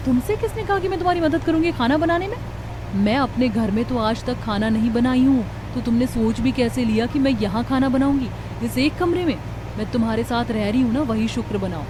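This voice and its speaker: A woman's voice: fairly high pitch, brisk, background noise, lightly acted. A woman voicing a spoiled, arrogant rich young daughter-in-law in a cartoon story, speaking in a sneering way. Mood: haughty. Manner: haughty, sneering.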